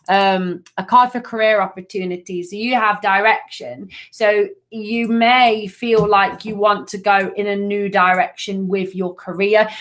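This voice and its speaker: In a live angel card reading, a middle-aged Nottingham woman speaks at a medium pitch. Her manner is gentle, soothing and affectionate, full of fillers and endearments.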